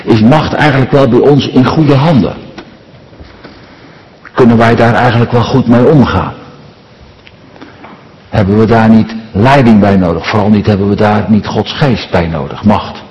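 A man's voice: fairly low pitch, moderate pace, pauses often, darkish tone, lo-fi sound. A middle-aged man from the Netherlands preaching a sermon, earnest and rhetorical, often tagging on questions. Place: church. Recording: long reverb of a large church.

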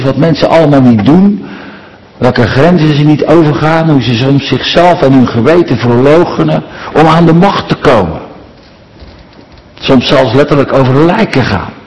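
A man's voice: mid-range voice, a little mellow. A middle-aged man from the Netherlands preaching a sermon, earnest and rhetorical, often tagging on questions. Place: church. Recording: long reverb of a large church.

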